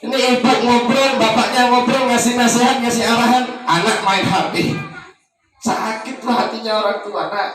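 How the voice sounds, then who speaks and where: Animated preacher in an echoey hall. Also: male voice, very high-pitched, moderate pace. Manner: animated, rising and falling intonation, acting out parents and children. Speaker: ustaz giving advice at a birthday gathering. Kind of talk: informal sermon. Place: community hall at an Islamic boarding school. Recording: echoey room, mic at a distance, music behind.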